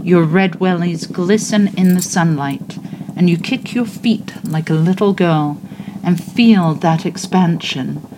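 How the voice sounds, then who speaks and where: A woman guides a relaxing visualization with a low, deep voice. She speaks very slowly and lets each phrase settle before moving on. The delivery is soothing and unhurried throughout. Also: noisy background. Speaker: meditation guide.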